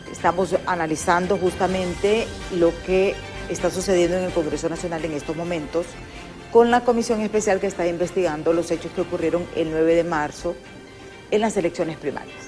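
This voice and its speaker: A woman's voice: lowish voice, normal speed, darkish tone, soft background music. An older Honduran woman hosting a political talk show, speaking emphatically and giving firm opinions. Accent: Honduran Spanish. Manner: emphatic, opinionated, addresses viewers directly. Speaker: host.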